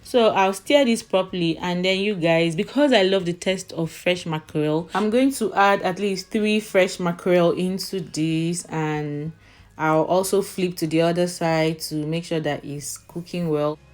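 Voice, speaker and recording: Casting: woman, slightly low voice, chatty cooking vlogger talking viewers through steps. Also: unhurried. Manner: chatty, addresses viewers as "you guys" often. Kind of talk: casual recipe narration.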